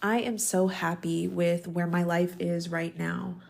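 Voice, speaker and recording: A woman's voice: on the low side, little pitch movement, measured pace, vocal fry, a little mellow. A woman in her thirties hosting a solo podcast, talking in a chatty, reflective way with lots of ums and likes. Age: 30s. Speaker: podcast host. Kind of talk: casual solo podcast talk.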